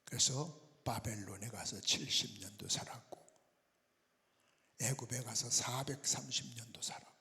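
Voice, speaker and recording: A man preaching and praying as a pastor, earnest, often dropping to a soft, near-whispered voice for emphasis. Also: medium pitch, measured pace. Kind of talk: sermon and prayer. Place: large prayer-retreat hall. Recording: long reverb of a large hall.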